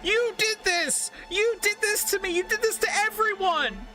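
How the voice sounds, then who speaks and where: Tabletop ghost boy: small, pudgy, furious, yells accusations in a piercing high voice. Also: moderate pace, over music. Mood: accusing.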